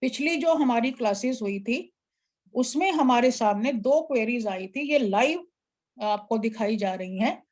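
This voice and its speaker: Casting: woman tarot instructor, patient explanatory lecture, a touch high-pitched. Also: animated, measured pace, darkish tone. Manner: explanatory, instructive, asks an assistant to show slides. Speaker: tarot teacher. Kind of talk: live online class lecture.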